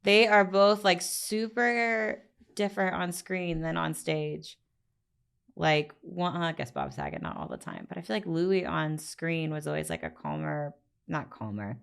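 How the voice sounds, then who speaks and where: A woman with a low voice trades playful jabs in relaxed podcast banter. She teases and laughs readily between her points. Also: vocal fry, clear, resonant tone. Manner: teasing, quick to laugh. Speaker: podcast co-host. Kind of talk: casual chat.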